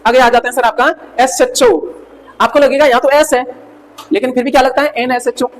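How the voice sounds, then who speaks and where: A man's voice: very high-pitched, steady tone, brisk. A male English teacher giving a revision lecture, asking the class questions and answering them himself, repeating key words and spelling out letters. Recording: reverberant room with faint noise.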